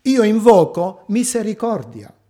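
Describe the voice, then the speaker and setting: A man's voice: high voice, very animated, measured pace, dark tone, pitched above the performer's own voice. A man voicing a mother who earnestly begs an emperor for mercy, quoted within a sermon story. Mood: pleading.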